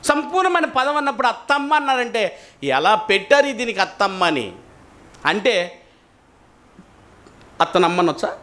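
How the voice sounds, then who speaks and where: A male pastor preaching a sermon in an animated way, often putting questions to his congregation. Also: high voice, normal speed, long pauses. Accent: Telugu.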